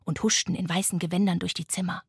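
A woman narrating a children's bedtime story in a gentle, expressive, often hushed way, with a breathy voice. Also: lowish voice, quick pace, dry recording, clean studio sound.

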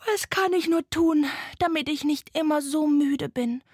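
A woman doing a squeaky sleepy little ghost. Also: measured pace, a little mellow, dry recording, studio quality. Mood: plaintive. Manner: squeaky, pleading, yawning.

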